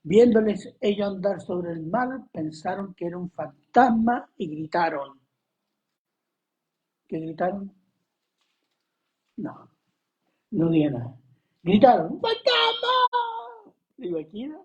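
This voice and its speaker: Slow Chilean preacher, muffled recording. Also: mid-range voice, animated, mellow. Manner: conversational, asks the audience questions, coughs often. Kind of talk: Bible study sermon. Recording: dull lo-fi recording.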